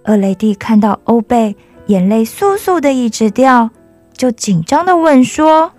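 A woman reading a children's story aloud for a broadcast, narrating in a gentle, even manner. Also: on the high side, unhurried, dry recording, soft background music.

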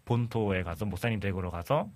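A man appearing as a guest, telling a story haltingly and filling pauses with many fillers. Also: on the low side, dry recording. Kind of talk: casual live-stream chat.

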